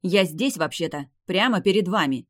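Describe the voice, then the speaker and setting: A man voicing a fiery, indignant young vampire woman who makes sharp, insistent demands. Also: high voice, animated, normal speed, dry recording, studio quality, voice pushed up.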